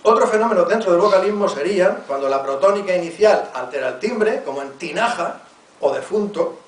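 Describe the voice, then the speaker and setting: A man's voice: sits high, animated, brisk. A man with a Murcian accent giving a conference lecture, reading word lists aloud and stopping to enunciate each example. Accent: Murcian Spanish. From Murcia region, Spain. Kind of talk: academic conference talk. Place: university lecture hall. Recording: echoey hall, voice from far off.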